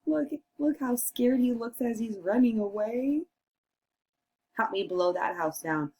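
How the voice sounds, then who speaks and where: A woman's voice: on the high side, unhurried, a little mellow. A woman teacher reading a picture book aloud to children and coaching them to read along. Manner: instructive, coaxing children to join in.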